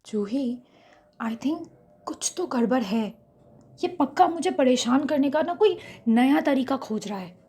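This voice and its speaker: A woman's voice: high-pitched, lively intonation, a little slow, dark tone, slightly rough, full character voice. Woman narrator doing a proud young heroine. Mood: flustered. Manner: pleading and impulsive. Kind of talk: audio story character voice.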